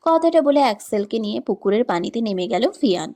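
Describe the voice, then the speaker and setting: A woman reading a romance story in scripted narration, with steady, even storytelling. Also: mid-range voice, fast talker.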